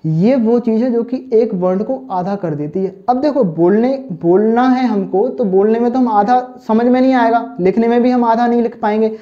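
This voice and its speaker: A Hindi teacher with a very high voice runs an online exam-prep lesson at a moderate pace with hardly any pauses. He keeps checking understanding with "thik hai" and "samajh mein aaya na," fondly calling his students children. The lo-fi recording sounds dull and muffled.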